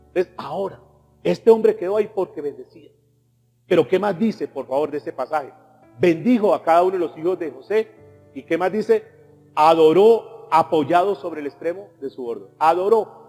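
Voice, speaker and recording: A man preaching a sermon as pastor, swinging from raised exhortation to hushed, intimate asides aimed straight at the congregation. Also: a little high. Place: church hall. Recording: long hall reverb with soft music behind.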